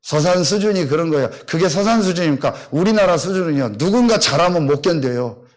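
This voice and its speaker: A man's voice: on the high side, lively intonation, brisk. A man from Seosan, a pastor, preaching a blunt sermon full of rhetorical questions to his congregation. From Seosan, South Korea.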